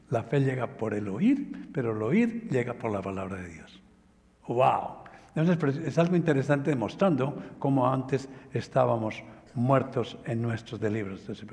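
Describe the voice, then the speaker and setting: Man, pastor, sermon, emphatic storytelling, mid pitch, long hall reverb. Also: a little mellow. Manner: storytelling, emphatic, slows down for key phrases.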